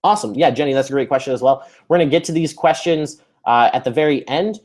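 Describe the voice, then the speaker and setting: A man's voice: fairly high pitch, quick pace, darkish tone. Man, webinar host, upbeat and chatty, lots of ums and restarts, video call. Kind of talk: live webinar hosting.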